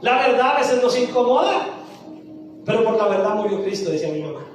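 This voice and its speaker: A woman's voice: a little high, big pitch swings, a little fast, background noise. A woman pastor preaching a sermon, asking the congregation questions and answering them herself. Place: church sanctuary. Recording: echoey church from far off, faint music.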